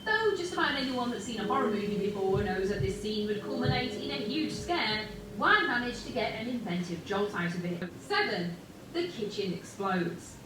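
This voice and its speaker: A woman's voice: medium pitch, very animated, normal speed, background noise. A woman reading scripted countdown narration as the narrator of a list video. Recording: distant, very echoey playback, music behind.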